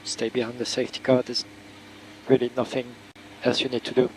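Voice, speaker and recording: A man's flat, even voice comes through race car radio with faint vehicle noise. He is a team engineer briefing the driver at a medium pitch. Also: a little fast, low-quality recording.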